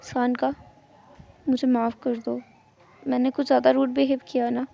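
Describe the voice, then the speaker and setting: A woman reading a storybook puts on a panicked young man who is terrified of the dark, pleading and stammering through his lines. The voice sits high and crackles with a gravelly edge. The recording sounds muffled and lo-fi. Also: little pitch movement, moderate pace, full character voice. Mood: tearful. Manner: pleading, stammering, repeats words. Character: frightened, clingy young man, scared of the dark.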